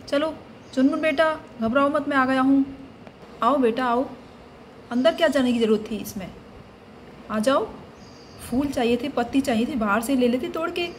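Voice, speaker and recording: Scolding, caring uncle doll, voiced by a woman, high voice, light background hiss. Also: lightly acted. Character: fussing uncle doll, adult man. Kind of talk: doll play storytelling.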